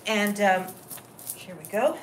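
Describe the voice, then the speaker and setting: A woman's voice: mid-range voice, expressive, slow. A woman hosting a casual styling demo, chatty and always checking in with the people around her. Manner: chatty, keeps asking "okay?". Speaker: host, stylist. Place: clothing store. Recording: roomy, distant mic, noisy.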